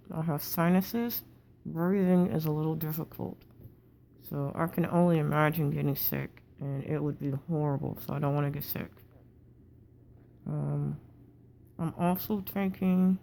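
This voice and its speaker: A low, slow-talking woman speaks through a wired-shut jaw, her words muffled behind closed teeth. She is tired and sore, halting and effortful, with a gravelly creak in a casual video diary. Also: warm tone, slight background noise. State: tired, sore with swollen cheek. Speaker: patient recovering from jaw surgery.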